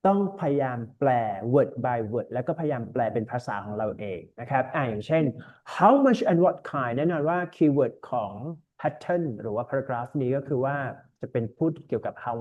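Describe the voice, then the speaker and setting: Mellow-voiced tutor man. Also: medium pitch, lively intonation, measured pace, dull audio. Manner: explains step by step, mixing Thai and English, reassuring. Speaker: IELTS tutor. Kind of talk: online tutoring lesson.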